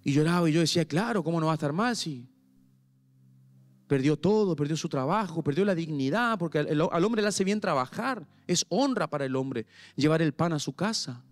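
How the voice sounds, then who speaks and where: A pastor with a Paraguayan Spanish accent preaching an impassioned sermon at a church service, swinging between quiet pleading and raised intensity. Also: male voice, a little high, animated, normal speed.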